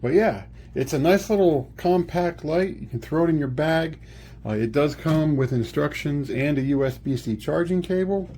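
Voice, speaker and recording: A man whose voice sits on the high side yet sounds dark talks at an ordinary speed. He's a product reviewer casually demonstrating something, explaining each step plainly. The audio has faint background noise and room ambience.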